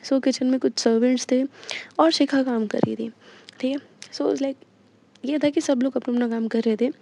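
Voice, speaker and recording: A woman's voice: high-pitched, steady tone, normal speed, vocal fry, dark tone. A young woman casually retelling an audio story, chatty and full of fillers, in a dull lo-fi recording.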